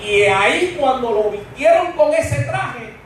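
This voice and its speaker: A man's voice: extremely high pitch, animated, slow, a bit bright. A man preaching a sermon in a church, speaking emphatically and addressing the congregation directly. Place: church sanctuary. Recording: echoey church from far off, faint hiss.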